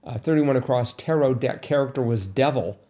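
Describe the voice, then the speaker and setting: Brief: mellow-voiced male co-host, hesitant, self-correcting, casual puzzle chat. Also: mid-range voice, moderate pace. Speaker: podcast co-host.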